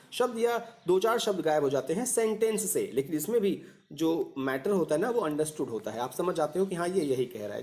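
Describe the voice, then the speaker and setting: A man's voice: fairly high pitch, darkish tone. A man teaching an exam-prep lesson, explaining step by step and often checking in with rhetorical questions.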